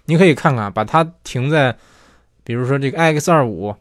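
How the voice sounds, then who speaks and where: A male host answers listener questions, explaining things casually in an expressive, medium-pitched voice at a brisk pace. He chats, rephrases himself often, and asks "对不对" to check for agreement. The sound is dry, clean studio audio.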